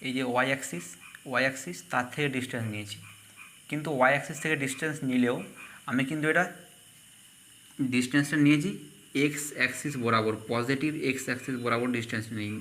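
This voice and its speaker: A man's voice: mid-range voice, pushed and bright, slight background noise. A man teaching a math lesson, asking questions and answering them himself.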